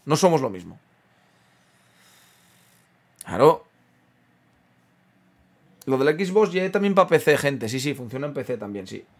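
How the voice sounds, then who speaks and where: A man's voice: mid-range voice, sing-song, unhurried, long pauses, darkish tone. A man, a gaming streamer chatting casually over a football management game, muttering to himself and reading out chat. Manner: banters, mutters, reads chat aloud. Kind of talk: casual gameplay commentary.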